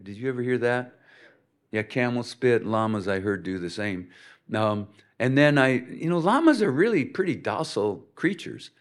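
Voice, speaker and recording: Older man teaching, rambling with stories. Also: medium pitch. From Minnesota, USA. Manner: rambling, anecdotal, frequent fillers. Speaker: ministry instructor. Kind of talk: informal teaching talk.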